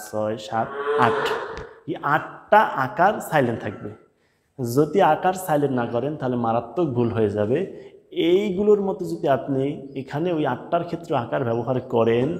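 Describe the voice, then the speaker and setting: A man leads a step-by-step recitation lesson, drilling letter sounds one by one and talking straight to his viewers. His voice sits at a middling pitch. The recording carries a long, lingering reverb. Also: darkish tone. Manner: repeats letter sounds slowly and patiently, addresses viewers directly. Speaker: Quran reading teacher.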